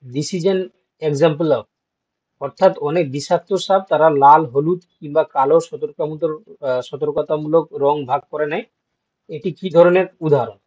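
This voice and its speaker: Male teacher, a bit high, lecturing and checking understanding; dull lo-fi sound. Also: moderate pace, darkish tone, breathy edge. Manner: explains step by step, asks checking questions. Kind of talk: exam-prep class lecture.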